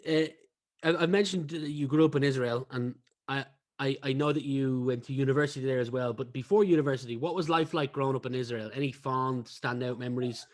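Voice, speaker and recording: A man's voice: mid-range voice, a little fast. A man hosting a podcast interview, chatty and friendly. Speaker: podcast host. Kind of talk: casual interview.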